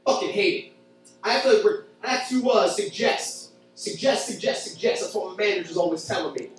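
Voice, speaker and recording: A man's voice: high voice, moderate pace, soft background music. Crude sarcastic male stand-up comic. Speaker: stand-up comedian. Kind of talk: stand-up comedy set. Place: club with audience. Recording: echoey room from far off.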